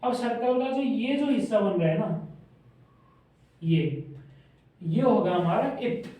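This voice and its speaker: High-voiced guy teaching at a board, checks if you got it, super echoey room. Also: slow pace, dark tone, far from the mic. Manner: repeats each point with check questions. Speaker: shorthand teacher. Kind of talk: classroom lesson at a whiteboard. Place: classroom with a board. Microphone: camera's mic from across the room.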